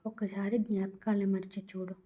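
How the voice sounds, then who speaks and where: A woman's voice: mid-range voice, flat delivery, brisk, lo-fi sound, lightly acted. A woman voicing a drunk, lovesick young woman who pleads in a slurred, giggly way. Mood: pleading. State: tipsy.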